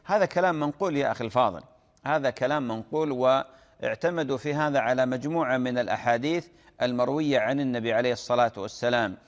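A man's voice: mid-range voice, fast, big-room sound. A man answering listeners' religious questions on a Q&A program. He explains patiently, repeats phrases and calls the questioner "my dear brother,".

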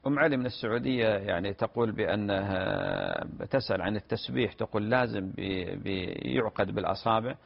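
A man, answering listeners' religious questions on a broadcast program in a measured, explanatory way that often repeats phrases. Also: fairly low pitch, big pitch swings, creaky. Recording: dull lo-fi broadcast audio.

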